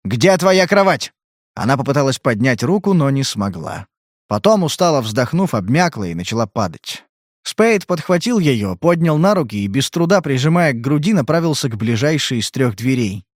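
Steady male audiobook narrator, mid-pitched, measured delivery, dry booth sound. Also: no echo. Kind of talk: scripted narration.

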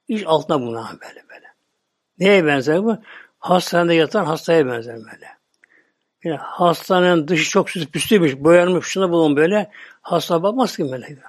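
A Turkish man preaching a religious talk, slow and repetitive, often dropping to a murmur or whisper. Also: a little high. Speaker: Islamic preacher.

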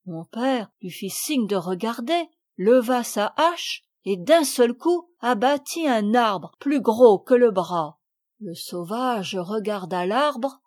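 Expressive woman reading a storybook. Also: on the high side. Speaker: audiobook reader. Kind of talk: scripted narration of a children's novel.

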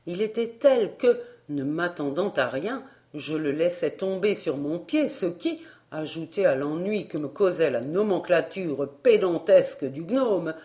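Woman audiobook narrator, lively storybook reading. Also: on the low side.

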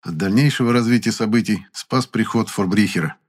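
A man's voice: fairly low pitch, fairly quick. A man narrating an audiobook in the first person with a wry, ironic tone.

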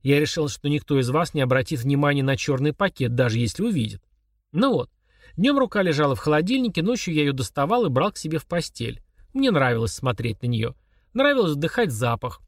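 A man voicing a calm, mocking young man who chats casually while confessing murder to his father. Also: fairly high pitch, a little fast, no room sound, clean studio sound. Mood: coolly sneering. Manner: chummy, sneering, confessional tone.

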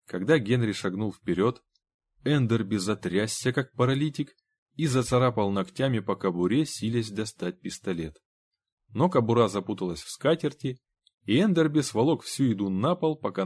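A man reading a science fiction audiobook aloud, expressive and giving the characters voices. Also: lowish voice. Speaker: audiobook narrator. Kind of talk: scripted narration.

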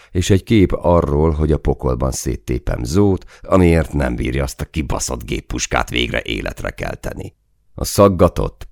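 A man's voice: extremely low pitch, vocal fry, darkish tone, no room sound, clean studio sound. A man narrating an action audiobook in the first person, with tense, foul-mouthed storytelling. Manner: tense, action-driven storytelling with frequent swearing.

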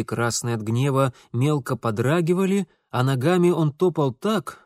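A man narrating a fantasy audiobook in a steady, expressive storytelling manner on a close mic. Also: mid-range voice, no room sound.

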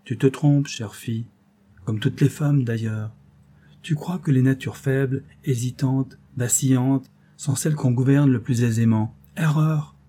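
A wealthy old father from a storybook, grave and earnest, lecturing his daughter with protective worry, read by a man in his own voice. The voice is mellow and slightly husky. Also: mid-range voice, steady tone, a little slow, lightly acted. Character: anxious older wealthy banker, protective father.

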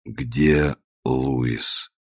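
Sullen young man, gruff, bitter, deep, dry close sound, a man reading, audiobook. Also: very animated, drawn-out words, no room sound, full character voice. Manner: gruff, sullen, self-mocking. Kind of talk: audiobook character voice.

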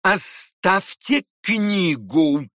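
A man's voice: sits high, lively intonation, unhurried, dry recording, clean studio sound, voice pushed up, heavily acted. A man voicing a snappish proud prince. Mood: irritated, scornful. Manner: snappish, shouting and scolding. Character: irritable proud aristocratic prince, middle-aged man.

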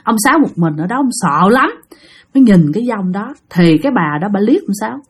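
A woman with a Southern Vietnamese accent telling a ghost story in a casual, animated way, speaking directly to her listeners. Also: mid-range voice, fairly quick, slightly rough.

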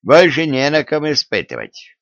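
A man's voice: a little high, huge pitch swings, normal speed, creaky, a bit bright, no echo, voice pushed up, exaggerated voice. A man voicing a zealous, fawning male executioner in an audiobook, talking in an eager, pleading, servile way. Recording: dull, dry lo-fi recording.

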